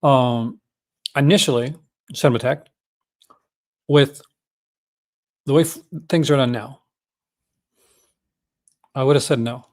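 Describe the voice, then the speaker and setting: A man's voice: mid-range voice, slow, pauses often. A man with a Newfoundland accent chatting casually and off the cuff as a vlog host, folksy and enthusiastic. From Newfoundland, Canada. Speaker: host of a movie-collecting vlog. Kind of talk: casual unscripted chat.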